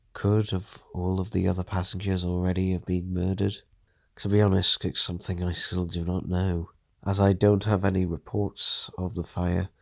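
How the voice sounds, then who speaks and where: A man tells a first-person audio drama in a low, gravelly voice. His read is steady and measured, and the sound is dry and close. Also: no room sound. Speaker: narrator.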